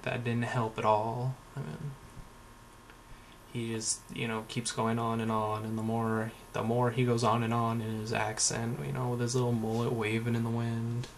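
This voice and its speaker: A man's voice: mid-range voice, fairly bright tone, slight background noise. A young man telling a story in a casual vlog, sarcastic and rambling, full of fillers and swearing. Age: young adult. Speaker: vlogger.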